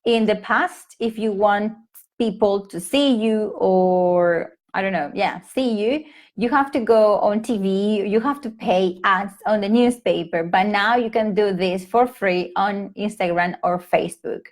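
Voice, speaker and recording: This is an unhurried, medium-pitched female voice. She's a thirty-something from Peru with a Peruvian Spanish accent, chatting informally with English teachers on a live stream from home, often restarting and using fillers. The sound comes from a laptop or phone microphone.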